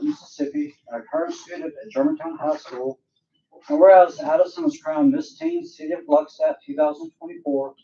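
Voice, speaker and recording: A man's voice: fairly high pitch, vocal fry, warm tone. A man speaking as an alderman, reading out a formal resolution. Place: echoey municipal meeting room. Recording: roomy, distant mic, muffled, faint noise.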